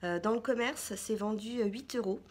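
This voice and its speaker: A woman's voice: fairly high pitch, normal speed, darkish tone. A woman vlogger chatting casually through a shopping haul, rambling with many fillers and restarts. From France.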